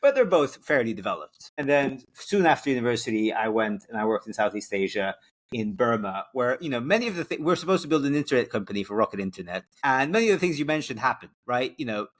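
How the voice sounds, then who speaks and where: A man's voice: medium pitch, very animated, fast talker. A man from Costa Rica and Hungary hosting a podcast, asking thoughtful questions in a chatty way. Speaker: podcast host. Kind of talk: casual interview conversation.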